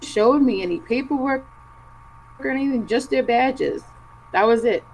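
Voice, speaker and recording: A woman telling her personal story as an interview guest over a video call, halting and emotional, with many fillers and restarts. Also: a little high, a little mellow, a little hiss or hum, low-quality recording. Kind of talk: personal account in an online interview.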